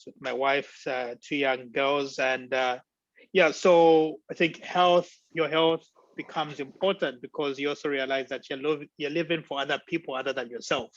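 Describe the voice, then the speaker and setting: A man's voice: medium pitch, fairly even intonation, moderate pace, dry recording. Zambian man, 40s, hesitant self-introduction, dry muffled call audio. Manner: thoughtful, hesitant, many fillers. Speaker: webinar participant.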